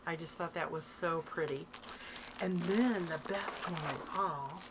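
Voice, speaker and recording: A woman's voice: fairly low pitch, unhurried, background noise. A middle-aged woman vlogging from home, chatting eagerly about her crafting finds and laughing often. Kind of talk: casual show-and-tell vlog.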